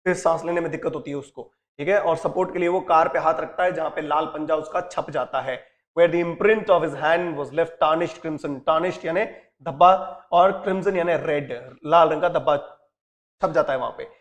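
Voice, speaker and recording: A man teacher explaining an English story lesson, reading lines aloud and acting out the characters' speech in an animated way. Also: on the high side, moderate pace. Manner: switches between reading English text and explaining.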